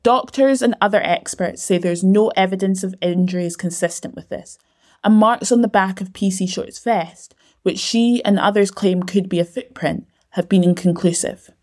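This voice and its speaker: A woman giving scripted documentary narration in a measured, even way. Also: mid-range voice.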